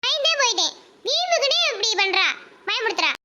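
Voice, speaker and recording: A woman's voice: very high-pitched, big pitch swings, brisk, heavy background noise. A woman with a Madurai Tamil accent voicing a scolding village mother in a cartoon. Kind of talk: cartoon voice acting, many village characters.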